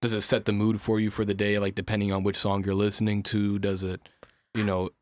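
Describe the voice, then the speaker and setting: A man's voice: fairly low pitch, brisk, dry recording, clean studio sound. A young man hosting a casual podcast chat, asking loose, rambling questions. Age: young adult. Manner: relaxed, probing questions, loose rambling phrasing. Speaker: podcast host.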